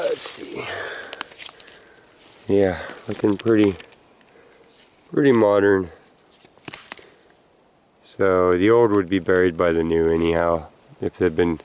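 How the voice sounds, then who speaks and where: Man, slow unhurried delivery, handheld camera outdoors, winded explorer. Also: low voice, darkish tone, clean tone. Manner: rambling, thinking aloud while climbing. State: out of breath. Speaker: explorer vlogger. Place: outdoors on a rural hillside. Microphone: handheld camera mic.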